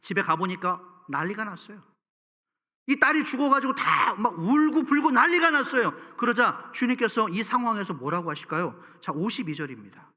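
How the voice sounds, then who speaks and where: Man, pastor, sermon, emphatic rises, questions to the congregation, high bright voice, reverberant sanctuary. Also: animated, moderate pace. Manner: rising to emphatic peaks, asks the congregation questions. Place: church sanctuary.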